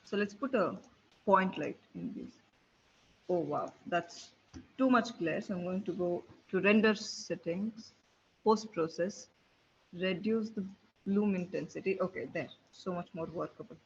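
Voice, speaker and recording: High-voiced man demoing software. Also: a little slow, gravelly. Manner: thinking aloud while clicking through a tool. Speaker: webinar presenter. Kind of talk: live software demo walkthrough. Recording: dull lo-fi webinar audio with faint hiss.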